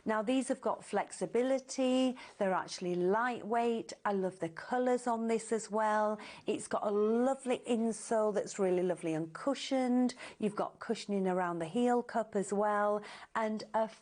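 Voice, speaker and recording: A woman from northern England co-hosts live shopping TV. She gushes over each product's features with lively enthusiasm. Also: medium pitch, normal speed. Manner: enthusiastic, gushing about products. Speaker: shopping channel presenter.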